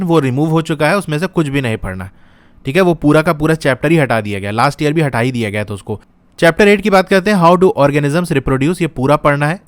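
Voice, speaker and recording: A man's voice: a little high, dry recording. A young man teaching, walking students step by step through a syllabus and checking in with them often. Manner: explains step by step, checks in with "ठीक है". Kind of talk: syllabus walkthrough lesson.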